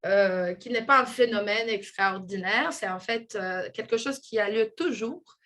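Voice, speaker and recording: A woman giving a conference lecture on linguistics, explaining in a measured way and often restarting her sentences. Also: medium pitch, a bit bright. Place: lecture room with an audience.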